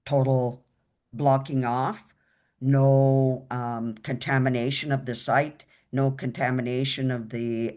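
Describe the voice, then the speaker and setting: A woman's voice: very deep voice, a little mellow. A woman speaking earnestly as a panelist on a webinar video call, laying out plans step by step.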